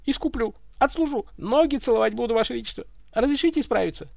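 A man's voice: sits high, very animated, normal speed, no echo, voice pushed up. A man voicing a fawning, flustered butler who pleads and grovels before his master in a storybook reading. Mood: begging. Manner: pleading, obsequious. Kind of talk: audiobook character voice.

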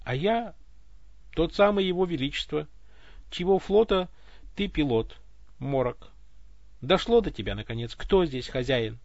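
A man's voice: a little high, very animated, normal speed, no room sound. A man voicing an arrogant tsar who lives as a voice in someone's head, scornful and cursing, on a dull, dry recording. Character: arrogant foul-mouthed tsar voice inside a head.

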